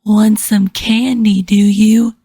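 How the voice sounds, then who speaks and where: A woman's voice: medium pitch, little pitch movement, vocal fry, mellow, breathy edge, no echo, heavily acted. A woman voicing a menacing masked woman kidnapper in a storybook, with a growling, barely human voice. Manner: slow, threatening snarl.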